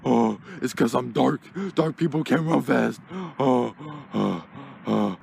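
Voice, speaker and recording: A man voicing a nervous, ambitious yellow plush toy who rambles and runs out of breath. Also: medium pitch, slow pace, vocal fry, a little hiss or hum. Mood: panicky. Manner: panicky, rambling, gasping. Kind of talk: plush toy puppet skit.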